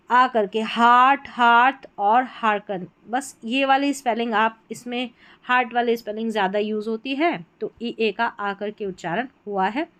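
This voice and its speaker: A woman who speaks as her teaches English spelling patterns from a chart. She draws out each example word slowly between her explanations. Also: on the high side. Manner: slow, drawn-out example words between explanations. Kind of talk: spelling lesson walking through a chart.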